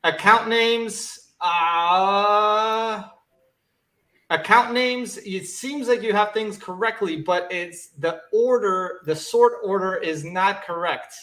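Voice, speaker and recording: A man hosting a live online competition, checking answers aloud with rising excitement. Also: high voice, takes it slowly, roomy sound, rough recording. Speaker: competition host.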